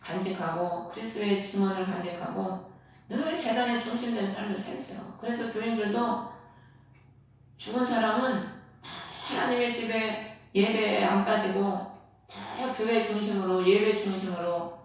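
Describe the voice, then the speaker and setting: A woman's voice: medium pitch, fairly even intonation, moderate pace. A woman pastor preaching a sermon earnestly and asking the congregation rhetorical questions. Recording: echoey hall, voice from far off.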